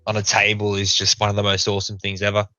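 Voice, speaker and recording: Low, bright-voiced man chatting casually. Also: fast, no echo, muffled recording, soft background music. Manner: relaxed, rambling, laughs often. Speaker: co-host painting miniatures. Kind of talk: casual livestream chat. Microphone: gaming headset.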